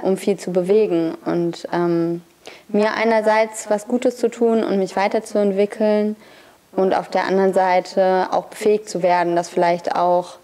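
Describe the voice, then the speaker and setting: Woman, mellow dark tone, flat delivery, earnest participant, interview. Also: fairly low pitch. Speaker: workshop participant.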